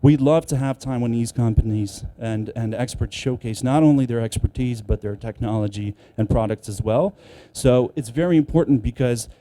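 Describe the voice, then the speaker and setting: A man giving a promotional conference speech, pausing hesitantly mid-phrase. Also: mid-range voice, dark tone, poor audio. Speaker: conference speaker.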